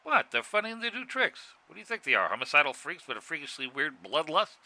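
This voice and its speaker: An excitable co-commentator who cannot wait to see the clowns, as a man puts him on. The voice is high and very bright, and it leaps around in pitch. He keeps heckling in an impatient, eager way. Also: fast, heavily acted. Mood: indignant.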